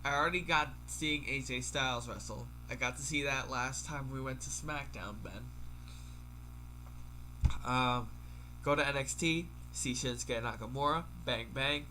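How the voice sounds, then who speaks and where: A man's voice: medium pitch, a little slow, sharp tone, slight background noise, poor audio. A man with a congested, stuffy nose, under the weather, hosting a casual, chatty podcast. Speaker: podcast host.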